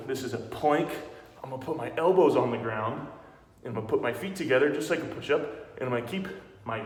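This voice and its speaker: A man talks through simple exercises at home in a casual, friendly coaching voice that encourages his young listeners. His pitch sits in a middle range. The room is roomy, with a long reverb trailing every word. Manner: friendly, encouraging, addresses kids directly. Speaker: sports coach.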